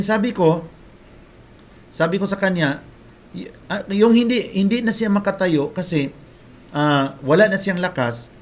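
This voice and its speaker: A man's voice: sits high, a little hiss or hum. A man preaching, telling a testimony to his congregation in an earnest storytelling way, often breaking off and restarting his phrases.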